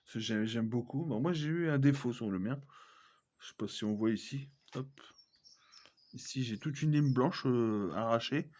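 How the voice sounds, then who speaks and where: A man's voice: mid-range voice, normal speed, a little mellow. A man chatting casually as he shows his film collection, hesitant, with many fillers and self-corrections. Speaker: collector vlogger. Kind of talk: casual unboxing chat.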